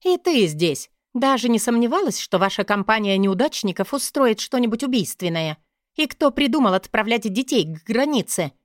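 A scarred female commander talks in a loud, curt, mocking voice, firing off blunt questions and reports. A woman narrator plays her, raising her voice. The recording is close and dry, with no room sound. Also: fairly high pitch, big pitch swings, moderate pace, no echo. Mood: scornful.

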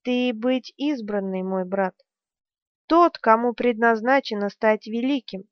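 A woman's voice: fairly high pitch, a little slow, no room sound, close to an everyday voice. A woman voicing a crazed, whimpering sorceress who pleads in broken grammar, in an audiobook reading. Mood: pleading. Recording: dry, dull lo-fi recording.

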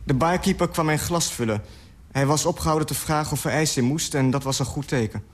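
A man from the Netherlands reading a literary story aloud on the radio in a calm, understated way. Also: fairly high pitch, fairly quick.

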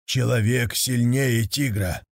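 A grave, dying old tiger , as a man puts him on speaks in a slow, gravelly storybook voice. Every word is weighed and drawn out. The sound is close and dry. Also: mid-range voice, no room sound. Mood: solemn. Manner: slow, solemn instructing.

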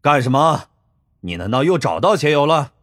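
A man's voice: on the high side, sing-song, fairly quick, breathy edge, no room sound. A man voicing a sly, gleeful male cobbler from an underground race, mocking and laughing sinisterly. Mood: irritated.

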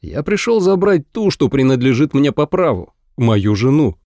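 A man's voice: medium pitch, sing-song, normal speed, dark tone, dry recording, studio quality. A man voicing a proud, arrogant young male clan heir who speaks coldly and mockingly. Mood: haughty. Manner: cold, mocking and haughty.

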